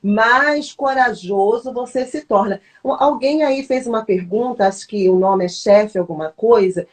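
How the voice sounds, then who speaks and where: A woman's voice: on the high side, measured pace. A woman pastor with a Brazilian Portuguese accent, hosting a faith-based live chat and teaching in a reflective way. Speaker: pastor, host.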